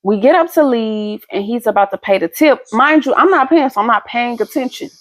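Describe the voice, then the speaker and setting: A woman co-hosting a podcast, telling stories in casual chat with animated, emphatic delivery. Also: on the high side, a little fast, no echo, poor audio. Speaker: podcast co-host.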